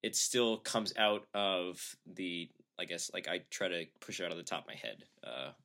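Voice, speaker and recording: A man's voice: low voice, moderate pace, pushed and bright. A man co-hosting a comedy podcast, rambling and hesitant with frequent laughs. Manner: rambling, many fillers, laughs while talking. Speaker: podcast co-host. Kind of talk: casual comedy chat.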